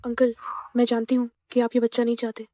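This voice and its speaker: A gentle, timid young wife, voiced by a woman in a dubbed drama. Her voice is soft, mellow and rather flat. It sounds close and dry. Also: fairly high pitch, quick pace, no room sound, close to an everyday voice.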